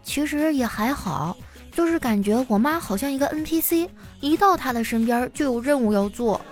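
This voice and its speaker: A weary young man complains slowly, with a sigh in his voice, put on by a woman comic. His pitch stays fairly high. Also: expressive, faint music behind. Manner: slow, sighing.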